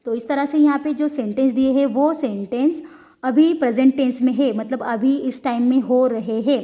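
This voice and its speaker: A woman teaching a lesson, reading slowly, spelling out words and explaining quickly in Hindi. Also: high-pitched, warm tone. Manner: slow and careful in English, quick in Hindi, spells words letter by letter.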